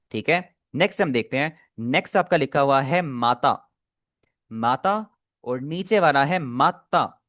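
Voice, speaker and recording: A man with a fairly high voice teaches an online class over a video call. He explains patiently and step by step, often stopping to check that his students are keeping up. The sound is dry and close. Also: no echo.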